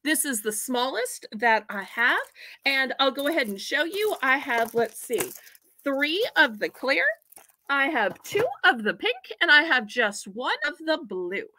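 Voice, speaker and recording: A woman's voice: high voice, very animated, a little slow, pushed and bright. A woman hosting a live online auction from home, chatty and folksy as she counts out items for bidders.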